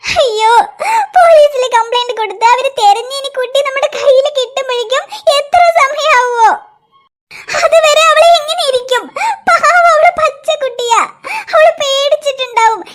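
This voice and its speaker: A frantic young cartoon mother, pleading and tearful over her missing girl, as a woman voices her. Her voice rides very high. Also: normal speed, a bit bright. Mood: anxious. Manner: anxious, pleading.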